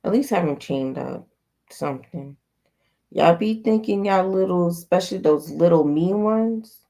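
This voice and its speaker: A woman's voice: fairly low pitch, measured pace, warm tone. A woman co-hosting a livestream, chatting bluntly and teasing her partner. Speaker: livestream co-host. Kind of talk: casual live chat.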